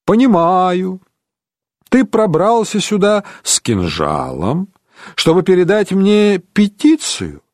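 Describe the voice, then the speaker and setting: A man's voice: high voice, huge pitch swings, takes it slowly, a little mellow, no echo, clean studio sound, voice pushed up, full character voice. A man voicing a haughty, mocking prince in an audiobook, drawling and sneering. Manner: languid, sneering.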